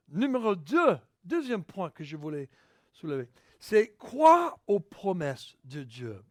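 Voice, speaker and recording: Male pastor, high voice, slow deliberate preaching, dry close sound. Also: no room sound. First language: English. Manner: emphatic, builds to near-shouting on key points; restarts words mid-sentence. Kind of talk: sermon.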